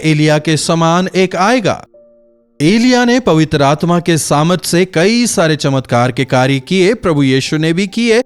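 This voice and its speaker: A man preaching a daily devotional message in a high, lively voice that swoops up and down as he asks his listeners question after question. Soft music plays faintly underneath. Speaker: pastor.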